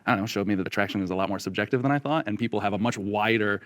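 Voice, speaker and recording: A man with a lowish voice explains his view calmly and at length as a panel guest. The sound is dry and close. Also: very fast, no echo. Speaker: panel guest, clothing model. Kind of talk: panel discussion.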